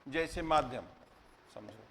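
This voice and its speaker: A man's voice: medium pitch, measured pace, creaky, a bit bright. A middle-aged man teaching exam candidates, explaining with rhetorical questions and recited verse. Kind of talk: lecture to exam students. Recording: long hall reverb.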